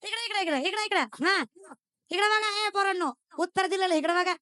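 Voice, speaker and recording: A young female kirtan preacher, brisk and forceful, uses a very high, bright voice for her humorous devotional sermon. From the stage of the gathering she ribs the crowd, quizzes them and works English phrases into her talk.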